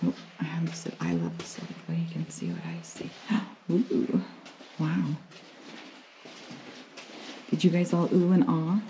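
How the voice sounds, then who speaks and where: A woman's voice: low-pitched, very animated, measured pace, pauses often. A woman chatting and teasing as she walks through a cave on a vlog tour, her voice ringing with cave echo. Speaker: vlogger. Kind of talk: casual tour vlog chat. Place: inside an echoing cave. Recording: echoey cave with faint noise.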